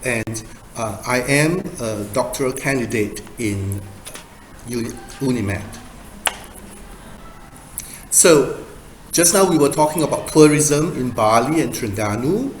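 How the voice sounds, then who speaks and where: A man in his fifties from Singapore, giving an academic presentation in a measured, emphatic way with rhetorical questions. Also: medium pitch. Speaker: guest speaker, doctoral researcher. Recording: echoey room with faint noise.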